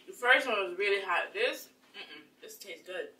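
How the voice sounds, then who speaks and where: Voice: medium pitch, moderate pace, far from the mic. A co-host chatting casually and laughing easily while eating snacks on camera, heard off-mic in an echoey room. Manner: laughing easily, slangy, relaxed. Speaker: co-host of a food challenge channel.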